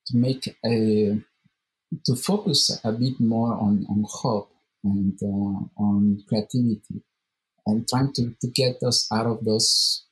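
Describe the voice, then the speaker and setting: A man's voice: lowish voice, fairly even intonation, slow pace, rough recording. A man who organizes a meetup, answering interview questions in a thoughtful, searching way and often repeating words as he finds his phrasing. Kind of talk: casual interview conversation.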